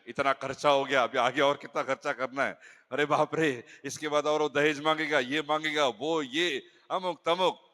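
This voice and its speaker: Animated male pastor in an echoey hall. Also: fairly high pitch. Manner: animated storytelling with jokes and interjections. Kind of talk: humorous sermon. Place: church hall.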